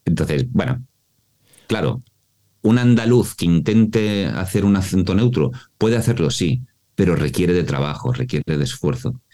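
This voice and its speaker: A man from Mallorca speaks with a Spanish accent from Spain in an extremely low, dark and mellow voice. He explains like a voice coach in an interview, with an expressive teaching tone and frequent check-ins. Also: unhurried. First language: Mallorcan Catalan alongside Spanish. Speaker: voice-over artist and voice coach.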